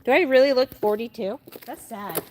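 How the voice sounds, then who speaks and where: A woman in her late twenties livestreams her workout from an indoor gym, chatting informally and often saying things more than once. Her voice is a little high and her pace moderate. The recording picks up noisy gym sounds, and her mic distance varies.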